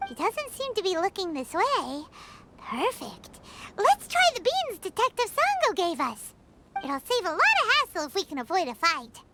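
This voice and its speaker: An actress voicing a tiny, excitable female companion creature in a game, talking high and bouncy over game music. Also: moderate pace, full character voice. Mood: chirpy. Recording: game audio with loud music behind.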